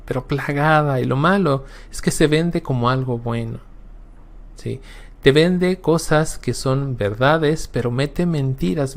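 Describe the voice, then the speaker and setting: A man gives a Bible class lecture in a gravelly, creaky voice at an ordinary middle pitch. He teaches with emphasis, repeats key words for stress and often checks in with a quick question to his listeners.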